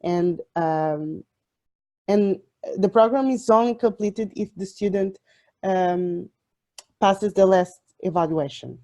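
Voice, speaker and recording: A young woman from Portugal gives an online presentation in a mellow, warm voice. She talks at an everyday pitch and stumbles often, with plenty of fillers and restarts. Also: slow. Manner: hesitant, many fillers and restarts. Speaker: software developer giving a talk.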